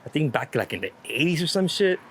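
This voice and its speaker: A man with a higher-than-average voice talks fast, his pitch swinging widely and his tone a bit bright, against slight background noise. Interviewed as a street photographer, he rambles casually about his creative work and swears freely.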